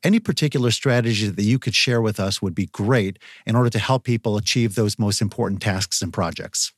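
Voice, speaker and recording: A man hosting a podcast, asking long questions in a measured, thoughtful way. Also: lowish voice, dry recording, studio quality. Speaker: podcast host. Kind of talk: podcast interview.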